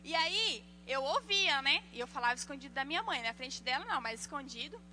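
A woman giving a sermon on parenting, telling lively personal stories and acting out the voices of the people in them. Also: high voice, brisk, a little hiss or hum. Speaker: church speaker.

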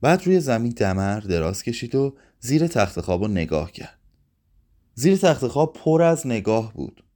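Male storyteller, measured, expressive, mid pitch with a wide range. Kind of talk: reading a literary short story aloud.

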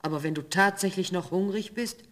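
A woman's voice: fairly low pitch, brisk, natural voice. An actress playing a farmer's wife, the caring and fussing mother of a giant son, in a radio play. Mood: warm. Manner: fussing and homely.

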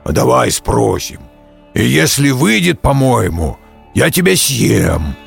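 A man voicing a hungry, treacherous male tiger in a storybook reading, with a gravelly growl and a slow menacing drawl. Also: mid-range voice, sing-song, faint music behind, voice pushed down, heavily acted.

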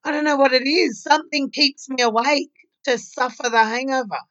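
A woman's voice: high-pitched, moderate pace, a bit bright. A woman co-hosting a podcast, chatting casually with an agreeable, giggly manner. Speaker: podcast co-host. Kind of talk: casual chat. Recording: dull lo-fi sound.

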